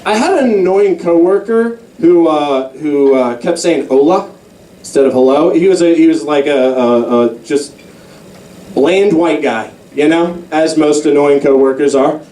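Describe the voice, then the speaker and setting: A young man doing a stand-up comedy set in a comedy club, animated and slipping into mock voices for the people in his jokes. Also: fairly high pitch, unhurried. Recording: roomy club sound from a distance.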